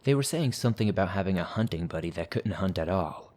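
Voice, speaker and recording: Narrating frightening stories sent in by listeners, this man hosts a horror podcast and reads from a script. His fairly low voice stays steady and measured, never rushing the even telling.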